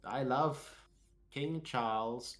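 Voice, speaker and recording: A man's voice: mid-range voice, slow, a bit bright. A man voicing a pompous, rich young Englishman with a posh English accent in an improvised mock interview, drawling and grandly polite. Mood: haughty.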